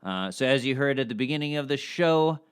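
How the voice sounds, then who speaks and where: A man co-hosting a casual comedy podcast, his voice smooth and resonant. His pitch swings widely as he jokes and rambles through his points, full of "uh"s and restarts. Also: animated, brisk. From Scottish-Irish family heritage. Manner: joking, rambling with frequent fillers and restarts. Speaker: podcast co-host.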